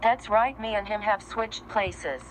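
A young woman voicing a smug smart speaker that has swapped bodies with a girl, speaking in a calm, flat way. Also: medium pitch, unhurried, slight background noise, pitched below the performer's own voice, natural voice, poor audio.

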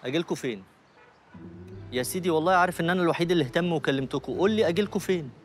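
A man's voice: a little high, rapid-fire, soft background music, natural voice. An actor playing an exasperated, sarcastic man with an Egyptian accent. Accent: Egyptian Arabic.

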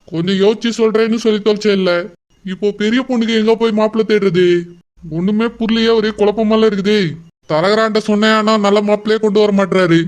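A man's voice: high-pitched, natural voice. A man voicing a worried middle-aged father in a cartoon, muttering and fretting over his daughters' weddings. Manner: fretful muttering to himself. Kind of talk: cartoon voice acting.

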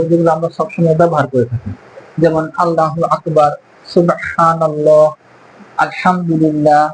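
High-voiced man teaching pronunciation slowly. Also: a little hiss or hum, poor audio. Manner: slow, careful, drawn-out syllables when modelling sounds. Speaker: Arabic teacher. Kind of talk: pronunciation lesson.

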